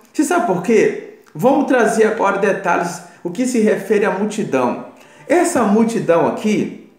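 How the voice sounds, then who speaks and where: A man's voice: high voice, darkish tone. A man preaching a sermon, emphatic and repetitive, speaking straight to the listener. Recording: roomy echo with faint music.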